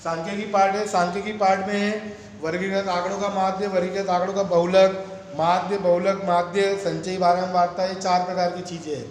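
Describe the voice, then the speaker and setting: A man's voice: sits high, flat delivery, brisk, slight background noise. A male math teacher giving a classroom lecture, asking the students questions and answering them himself. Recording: very echoey room with long reverb.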